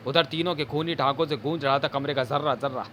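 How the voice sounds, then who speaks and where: Bright-voiced male comic narrator. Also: medium pitch, fairly even intonation, fast, a little hiss or hum. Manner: theatrical, suspenseful storytelling. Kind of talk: dramatic audio comic narration.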